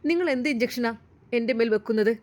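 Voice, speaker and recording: A woman's voice: on the high side, fast, darkish tone, lightly acted. A woman voicing a frightened young wife who accuses her husband and pleads for the truth. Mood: accusing. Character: young deceived wife, frightened but defiant.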